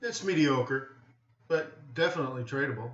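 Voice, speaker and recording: This is the host of a live trading webinar, a man speaking at normal speed in a medium pitch. He thinks out loud in a casual, offhand way, often tossing in "right?" to check in. Sound quality is dull, with a roomy echo typical of webinar audio.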